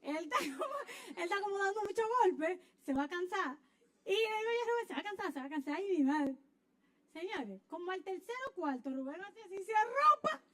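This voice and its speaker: A woman preaching a sermon, telling a personal story with lively acted-out scenes and sudden shouts. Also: very high-pitched, a little fast. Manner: animated storyteller, acts out scenes, bursts into shouts. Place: church.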